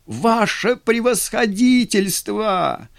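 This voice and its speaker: A man's voice: fairly high pitch, big pitch swings, slow, pitched above the performer's own voice, exaggerated voice. A man voicing a cowardly young lieutenant who pleads and stammers. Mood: panicked.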